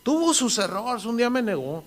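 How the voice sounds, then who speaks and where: A man with a Mexican accent voicing a gentle aging mother who tells her son about faith, in a soft, tender voice. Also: extremely high pitch, sing-song, fairly quick, slight background noise, pitched above the performer's own voice.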